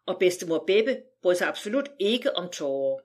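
A woman's voice: fairly low pitch, big pitch swings, a little mellow, husky. Woman narrating an audiobook wryly. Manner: wry, measured storytelling. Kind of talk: first-person audiobook narration.

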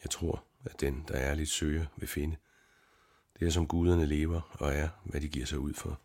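A man voicing a calm, gentle young scholar in an audiobook reading, with a husky voice and a measured, reasoning way of talking. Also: rumbling low.

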